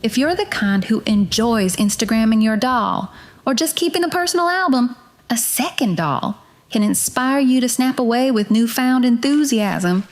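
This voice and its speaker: A woman's voice: on the high side, lively intonation, moderate pace, lightly acted. A woman with a Southern US accent playing a folksy, no-nonsense detective agency secretary, chatting directly to the listener in scripted noir-style podcast narration. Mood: folksy, inviting. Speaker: podcast host.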